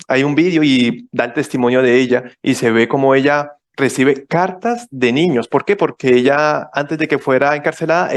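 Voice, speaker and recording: A man speaking as a visiting ministry guest in a church, explaining step by step, repeating key points and checking in with his listeners. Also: medium pitch. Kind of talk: church presentation.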